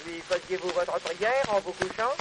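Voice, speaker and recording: A man's voice: high-pitched, normal speed, background noise, natural voice. A man voicing a stern, strict old saint who guards a gate, declaimed in a theatrical poetry recitation on an old phonograph record. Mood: scolding.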